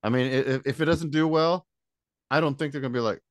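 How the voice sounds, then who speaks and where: A man's voice: a little high, quick pace, dry recording, studio quality. A man from Michigan, a band musician, chatting easily as an interview guest and laughing often. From Michigan, USA. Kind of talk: casual interview chat.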